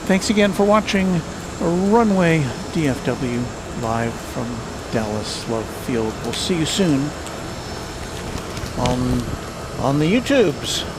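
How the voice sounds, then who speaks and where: A livestream host talks slowly and informally, pausing often while signing off. There is steady, noticeable ambient noise behind the voice. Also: medium pitch. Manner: halting, informal. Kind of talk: casual livestream sign-off.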